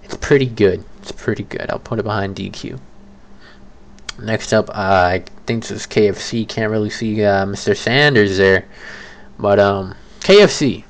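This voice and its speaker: Young guy, kinda low voice, rambly and chatty, keeps correcting himself. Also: normal speed. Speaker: creator ranking fast food. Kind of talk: casual solo commentary.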